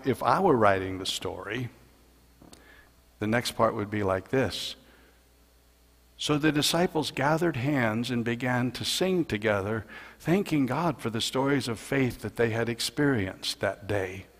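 Preaching man in a reverberant church. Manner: storytelling preacher, swells louder and higher in dramatic passages. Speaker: pastor. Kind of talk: sermon. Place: church sanctuary. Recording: long hall reverb in church.

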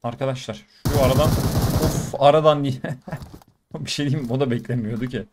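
A man giving casual running commentary over mobile shooter gameplay, talking to his viewers with sudden bursts of excitement. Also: medium pitch, normal speed, very noisy. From Turkey. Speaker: gaming YouTuber.

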